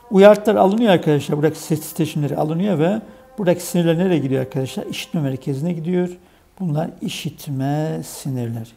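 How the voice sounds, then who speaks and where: Gravelly-voiced man teaching biology. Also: a little high, dark tone. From Turkey. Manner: explains step by step, asks questions and answers them himself, repeats key terms. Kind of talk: exam solution lesson.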